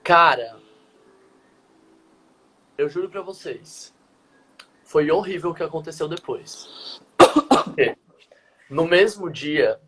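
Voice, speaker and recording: Animated high-voiced young man telling a story. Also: slow, pauses often, very noisy. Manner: animated, quotes dialogue vividly. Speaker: guest, dance teacher. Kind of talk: casual live-stream storytelling.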